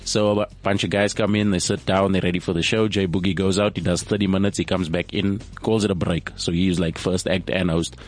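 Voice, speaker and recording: A young South African comedian, a podcast guest, tells a rambling comic anecdote in casual storytelling, often repeating words. His voice sits low with little pitch movement, moving fairly quickly with few pauses.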